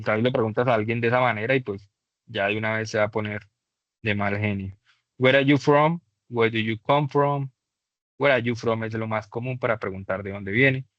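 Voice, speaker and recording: Lower-voiced man teaching English, patient. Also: pushed and bright, no room sound. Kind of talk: online class lesson. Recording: dull dry lo-fi mic.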